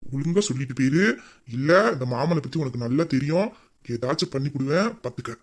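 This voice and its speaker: A voice actor playing a playful young husband in a romantic audio drama, teasing and coaxing, often dropping to soft low murmurs. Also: brisk, lightly acted. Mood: murmuring.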